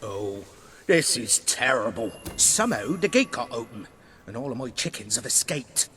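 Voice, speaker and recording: A fretful chicken farmer. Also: male voice, medium pitch, very animated, moderate pace, fairly bright tone, slight background noise. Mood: dismayed. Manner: dismayed, fretful.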